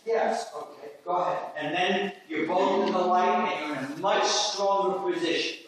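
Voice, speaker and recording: A man's voice: sits high, fairly even intonation, normal speed, over a noisy crowd. A man directing actors at a rehearsal, encouraging and hands-on, often repeating himself. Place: rehearsal stage. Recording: echoey room from far off, background noise.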